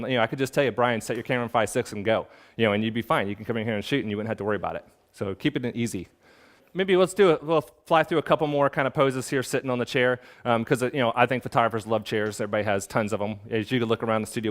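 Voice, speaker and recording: A man who is a portrait photographer, teaching in his studio while directing a model in a casual way, with many fillers. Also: medium pitch. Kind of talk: hands-on studio demonstration.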